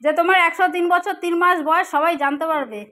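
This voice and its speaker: A woman's voice: very high-pitched, fast, pushed and bright. A woman talks casually from behind a phone camera. She coaxes and repeats her simple instructions as she films. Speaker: person filming an elderly relative. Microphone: behind a handheld phone.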